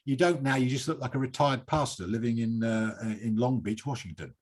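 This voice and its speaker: A British man from the United Kingdom hosts a poetry reading, speaking a little fast at a medium pitch. His style is effusive, digressive and conversational, mixing live event hosting with conversational interviewing.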